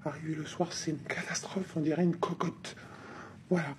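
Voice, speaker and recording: A woman's voice: low voice, fairly even intonation, moderate pace, background noise. A woman's synthetic text-to-speech voice, chatting informally and in a rambling way through a casual unboxing vlog. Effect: synthetic voice replacing the speaker's own. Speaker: craft vlogger.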